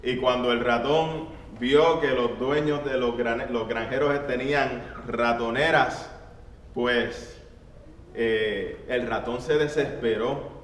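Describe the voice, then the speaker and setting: Echoey distant pastor in a church. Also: male voice, medium pitch, steady tone, slow pace, slight background noise. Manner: earnest, addresses the congregation as brethren. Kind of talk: sermon with storytelling. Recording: echoey church hall from far off.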